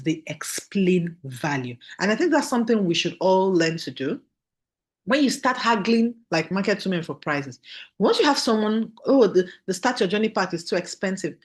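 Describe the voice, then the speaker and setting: Nigerian woman trainer, very animated delivery, emphatic, repeats points for the room. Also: medium pitch. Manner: emphatic, repeats key phrases, asks listeners for agreement. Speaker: business trainer. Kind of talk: motivational training talk.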